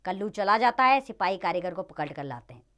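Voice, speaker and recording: A woman teacher reading a play aloud for children, pausing to explain words. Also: medium pitch, lively intonation, fairly bright tone. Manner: clear, explanatory.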